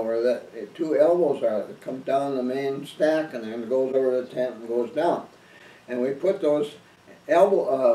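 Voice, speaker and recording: A man's voice: mid-range voice, dark tone, far from the mic. An older man giving casual camping tips in a rambling, folksy way, recorded on a camera mic. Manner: rambling and folksy, with many restarts. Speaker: hunting and camping instructor. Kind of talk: casual how-to talk. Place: indoors by a stone fireplace, then outdoors on a grassy field. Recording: roomy, from off the mic.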